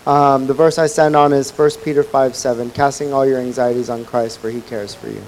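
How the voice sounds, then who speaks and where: A man's voice: mid-range voice, steady tone, brisk, darkish tone, a little hiss or hum, poor audio. A man in his thirties from San Antonio, giving a light-hearted introduction. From San Antonio, Texas. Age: 30s.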